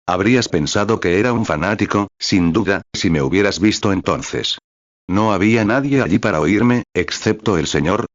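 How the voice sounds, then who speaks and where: A man reading a translated sermon aloud in a steady, earnest storytelling way. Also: sits low, no echo, dull audio.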